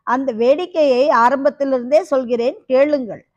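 A woman's voice: sits high, fairly even intonation, moderate pace, darkish tone, no room sound, muffled recording, lightly acted. A woman voicing a fearsome, half-crazed female kapalika with a harsh voice, in an audiobook. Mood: dramatic.

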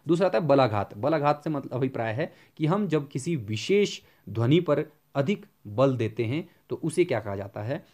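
A man giving an exam-prep Hindi grammar lecture, often asking a question and then answering it himself, and slowing down to spell out examples. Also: mid-range voice, lively intonation, darkish tone.

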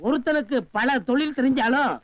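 A man's voice: extremely high pitch, fairly quick, no echo. An actor playing a meek beggar man who agrees with his elder in a film comedy. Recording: dull lo-fi film soundtrack with faint noise.

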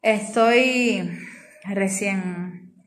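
A woman's voice: medium pitch, extremely slow. A woman with a Cuban accent vlogging from her hospital department, chatting to viewers and coaxing a crying child. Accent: Cuban Spanish. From Cuba. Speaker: vlogger and ultrasound worker. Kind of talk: casual vlog chat to viewers. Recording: music playing under the voice.

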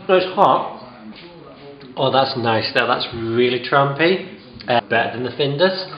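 A man's voice: medium pitch, animated, slow, long pauses. A tired man in his thirties rambles through a cooking video with plenty of ums, poking fun at himself as he goes. His voice comes off a handheld camera in a home kitchen, with an echoey ring and a slightly dull, muffled tone. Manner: rambling, self-mocking, lots of ums. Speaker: cooking vlogger. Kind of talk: casual vlog chat. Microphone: handheld camera close to face.

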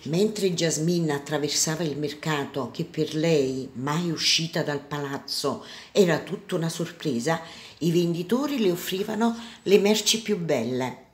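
A woman primary school teacher reading a storybook aloud to children, clear and gentle. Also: low-pitched, unhurried.

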